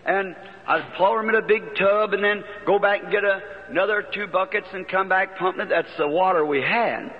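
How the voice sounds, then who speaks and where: A man's voice: high voice, moderate pace, hardly any pauses. A man preaching, telling a childhood story in a folksy, plain-spoken way with rural turns of phrase, on an old archival sermon recording. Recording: dull lo-fi archival sermon recording with long hall reverb.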